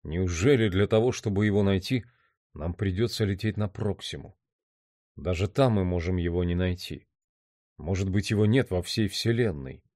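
A man reading a weary, brooding man, low and hushed. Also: moderate pace, no echo, studio quality, natural voice.

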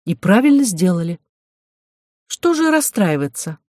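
A reader voicing a brisk, bossy young woman in an audiobook, speaking higher and louder. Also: very animated, no echo, studio quality. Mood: brisk, teasing.

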